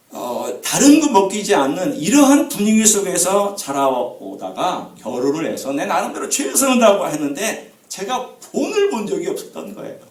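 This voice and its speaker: A man's voice: high voice, darkish tone. A man in his fifties preaching a revival-meeting sermon, telling personal stories emphatically to the congregation. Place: church sanctuary. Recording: echoey church hall, voice from a distance.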